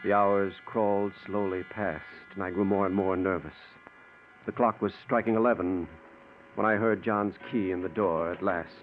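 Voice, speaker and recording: An actor playing a killer's anxious, submissive brother who also narrates an old radio thriller. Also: male voice, deep voice, fairly even intonation, normal speed, lightly acted. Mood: tense narration. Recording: tinny old radio recording with music.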